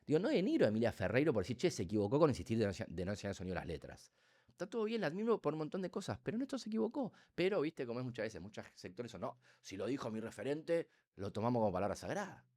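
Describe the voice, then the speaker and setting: Fast, animated Rioplatense man. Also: mid-range voice. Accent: Rioplatense Spanish. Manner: animated, rapid and talkative, with sound effects and acted-out quotes. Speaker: neuroscientist guest. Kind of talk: casual podcast explanation.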